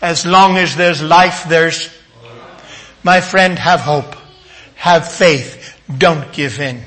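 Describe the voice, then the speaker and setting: An older man preaching a sermon, dramatic, dropping to a hush and then rising to emphatic appeals. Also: on the high side, slow pace. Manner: dramatic, swinging from hushed to emphatic.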